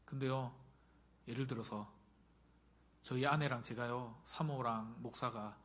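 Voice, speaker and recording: A man's voice: mid-range voice, fairly even intonation, measured pace, a bit bright. A middle-aged male pastor giving a conversational sermon and often putting questions to the congregation.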